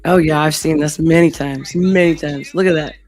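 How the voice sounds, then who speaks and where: A woman with a hoarse, gravelly voice, losing it to laryngitis, hosting a casual live stream in a blunt, sweary manner. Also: deep voice, fairly even intonation, normal speed, a little mellow, faint music behind.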